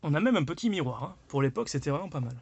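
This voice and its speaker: A man with a slightly high voice walks through his vintage four-by-four in a casual, rambling way. He talks loosely, stopping and restarting, and pads his sentences with fillers. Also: animated, rapid-fire, vocal fry, a little mellow, breathy edge, highs cut off. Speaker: car owner presenting his vehicle. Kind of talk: casual walkaround presentation.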